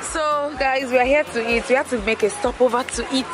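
A woman's voice: high-pitched, steady tone, a little fast, over music. A young woman from Nigeria, chatting casually in a travel vlog and laughing often. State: out of breath. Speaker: vlogger.

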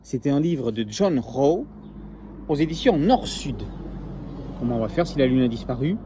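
A male teacher reading a picture book aloud to his pupils, gently pointing things out and explaining as he goes. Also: mid-range voice, animated, normal speed, background noise.

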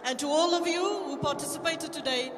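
A man making formal public address announcements at a sports event, heard through the loudspeakers of a large arena. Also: extremely high pitch, a little fast, a crowd in the background. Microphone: PA system heard through the hall. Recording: long reverb of a big sports hall.

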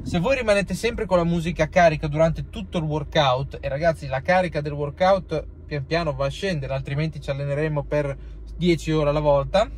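A man's voice: a little high, fairly quick. A young man in his twenties with an Italian accent, giving casual gym advice to camera from his parked car and talking to his viewers directly. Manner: chatty, gesturing with his hands, addresses viewers directly. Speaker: fitness vlogger. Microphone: phone camera on the dashboard. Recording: loud car and street noise.

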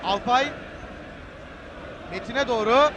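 A man calling a football match live on television, excited and breaking into screamed goal calls. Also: extremely high pitch, slow. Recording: noisy 1990s broadcast, loud stadium crowd. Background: roaring stadium crowd.

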